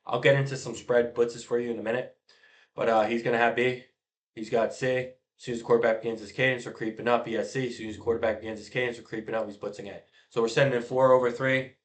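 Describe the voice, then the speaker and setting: A man's voice: mid-range voice, level tone, fast. Man explaining football plays casually. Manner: casual, conversational, trails off quietly at phrase ends. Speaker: youth football coach. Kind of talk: explaining plays over a diagram.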